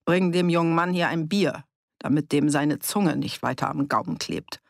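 A reader voicing a boastful village man who stirs up a pub crowd, raised and loud. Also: on the high side, moderate pace, gravelly, no room sound, studio quality. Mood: agitated. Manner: loud, rabble-rousing, boastful. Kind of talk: audiobook character reading.

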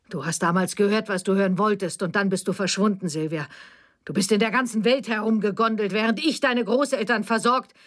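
Eine Frau spricht in einer Hörbuchlesung eine verbitterte ältere Mutter mit vorwurfsvollem, schneidendem Ton. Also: female voice, medium pitch, fairly bright tone, close to an everyday voice. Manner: reproachful, cutting. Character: bitter, defensive older mother.

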